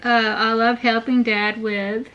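A woman's voice: on the high side, flat delivery, slow pace, lo-fi sound. A woman chatting casually at home during dinner as she patiently coaxes answers out of her young child. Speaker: mother and channel host. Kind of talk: casual home vlog chat. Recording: loud background noise.

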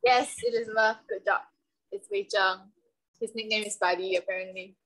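A woman's voice: mid-range voice, fairly even intonation, normal speed, a bit bright, low-quality recording. Young Singaporean woman hosting, Singlish-flavoured chat. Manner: colloquial Singlish particles. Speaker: online game host. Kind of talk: casual chat hosting a guessing game. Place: indoor room, video call. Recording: online group video call.

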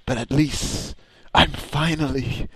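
Streaming a game, this man reads the on-screen text aloud and mocks it with crude humor, speaking slowly in a slightly high voice with a breathy edge. He has a mixed British, Caribbean and American accent, and there's no room sound.

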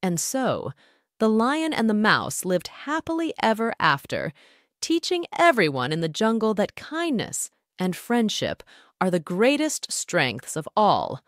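A woman's voice: medium pitch, very animated, a little slow, no echo, studio quality. Woman narrating a children's bedtime story.

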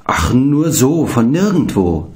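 A man's voice: mid-range voice, expressive, normal speed, darkish tone, natural voice. A man reading a storybook, voicing a lonely horse with golden hooves who speaks wistfully and offhandedly.

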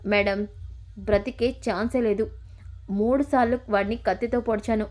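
A woman's voice: mid-range voice, steady tone, normal speed, darkish tone, natural voice. A woman voicing a male hired thug who reports back bluntly and deferentially. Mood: boastful. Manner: blunt, deferential to his employer.

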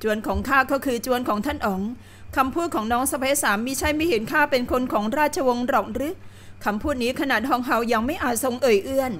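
Woman voicing a young palace consort, sweet-toned, measured, quietly stern, a bit high, storybook reading. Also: a little hiss or hum. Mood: gently reproving. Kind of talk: audiobook character reading.

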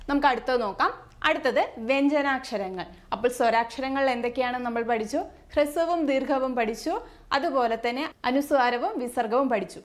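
A woman leads an exam-prep grammar lesson in a slightly high voice. She is patient and methodical, saying each definition twice and reading out letters one at a time. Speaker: teacher.

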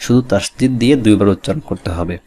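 A man teaching Quran reading, spelling out letters and vowel marks slowly, repeating each drill and explaining the rules earnestly. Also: on the low side, dark tone. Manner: explains rules plainly and earnestly, urging students to read along. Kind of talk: step-by-step recitation lesson.

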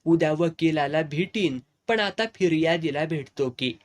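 A man's voice: on the high side, measured pace, natural voice. A man voicing a practical, firm village man who served as a soldier, in a storybook reading. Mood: teasing.

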